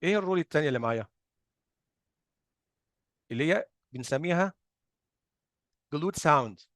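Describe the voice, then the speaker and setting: An Egyptian-accented man gives a phonics lesson in a slightly raised voice, asking questions and answering them himself. He stretches example sounds out slowly to demonstrate them. The recording is dry and close, with no room sound. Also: fairly high pitch, lively intonation, a bit bright, no room sound. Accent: Egyptian Arabic. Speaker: phonics teacher. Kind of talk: explanatory lesson.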